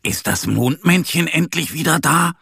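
A man's voice: sits low, steady tone, slow pace, bright, forceful tone, husky, no echo, clean studio sound, heavily acted. A man voicing a shy little male bear in a children's story who stammers when nervous. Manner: stammering, hesitant.

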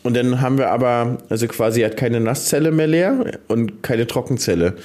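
Relaxed chatty man, mid pitch. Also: moderate pace. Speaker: podcast co-host; farmer running a grain dryer. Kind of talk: casual chat.

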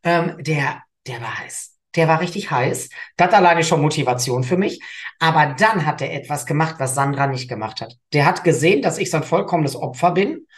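A man co-hosting a casual podcast, telling stories with lively acted-out voices. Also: a little high, a little fast. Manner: animated storyteller, acts out quoted voices. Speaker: podcast co-host. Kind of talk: casual chat, storytelling.

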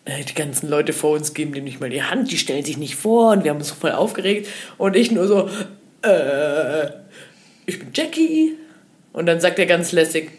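A young woman co-hosting a podcast, telling stories in a giggly, excitable way. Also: low voice, fast, hardly any pauses. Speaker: podcast co-host. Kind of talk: casual chat.

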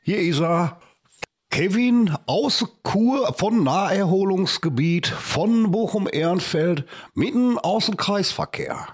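A booming, drawn-out showman announcer, as a podcast host puts him on. His voice sits well above a normal speaking pitch, and every word is stretched out slowly and grandly. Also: animated, breathy edge, full character voice. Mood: grandiose. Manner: slow, stretched, mock-grand introduction.

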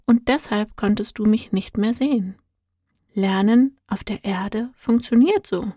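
A kind guardian angel from a storybook speaks slowly and soothingly, as a woman narrator puts him on. His soft words sit close and dry, with no echo around them. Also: mid-range voice, slightly rough. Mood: gentle, reassuring. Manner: calm, soft and reassuring.

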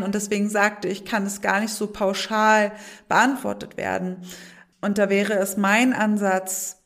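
A woman's voice: medium pitch, a bit bright. A woman speaking as a guest in a podcast interview, explaining thoughtfully and sometimes acting out soothing phrases. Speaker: guest, childhood educator and resilience trainer.

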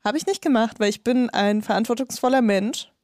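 A woman in her thirties co-hosting a podcast, telling a story in animated casual chat and swearing freely. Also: fairly high pitch, fairly quick, no room sound, studio quality. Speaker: podcast co-host.

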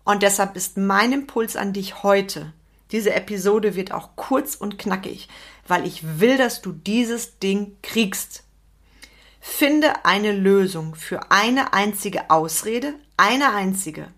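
A middle-aged woman delivers a motivational podcast monologue for entrepreneurs. She speaks straight to the listener with emphasis, circling back to repeat her main points. Her voice sits at an ordinary middle pitch. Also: takes it slowly, a bit bright. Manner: emphatic, repeats key phrases, addresses listener directly. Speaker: podcast host and business coach.

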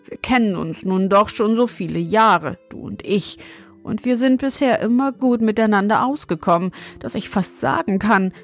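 A woman's voice: mid-range voice, moderate pace, soft background music, natural voice. A woman voicing a small, stern grey old forest gnome in a storybook reading, with a thin, fine voice and a scolding, proud manner. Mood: wistful.

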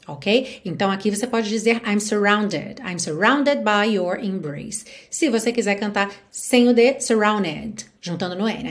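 A Brazilian woman teaching English pronunciation, explaining sounds patiently and repeating words slowly. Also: mid-range voice. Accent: Brazilian Portuguese. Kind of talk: pronunciation lesson.

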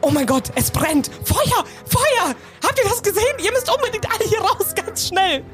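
A woman playing a panicked young woman faking a fire alarm in a tabletop game, shouting theatrically like a hammy stage actor. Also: very high voice, lively intonation, moderate pace, soft background music, pitched above the performer's own voice. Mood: feigned panic. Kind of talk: tabletop role-play.

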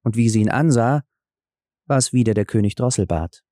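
A man narrating a fairy tale audiobook in a calm, measured storytelling manner. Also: medium pitch, no room sound, clean studio sound.

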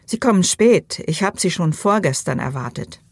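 A woman's voice: on the low side, lively intonation, normal speed, breathy edge, no echo, studio quality. A woman voicing a brooding, insistent male painter in an audiobook, speaking in a persuasive, urging way.

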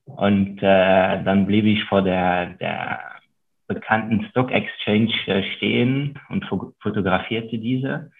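Heard over a thin, phone-quality connection, this Luxembourg-born guest investor and author in his thirties has a lowish, gravelly voice and a steady tone. He takes his time, speaking English with a French accent and stumbling through frequent ums on the podcast.

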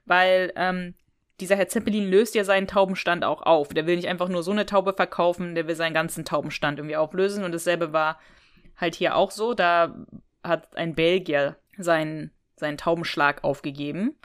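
She co-hosts a podcast, casually retelling an audio drama episode, discussing it, and finding plenty to be amused by. Her lowish voice is smooth, with fairly even intonation and normal speed.

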